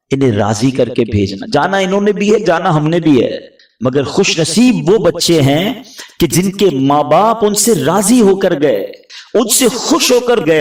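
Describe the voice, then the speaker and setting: A man delivers a passionate sermon, climbing to loud peaks and falling to low, pleading tones. He's heard in an echoey hall, far off the mic.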